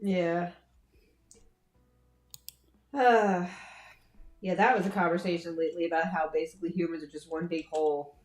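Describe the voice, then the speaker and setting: A woman with a hoarse, scratchy throat chatting casually and bluntly on a livestream, swearing freely and rambling. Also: fairly low pitch, fairly even intonation, normal speed, pauses often, echoey room. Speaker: co-host on a livestream. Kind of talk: casual chat.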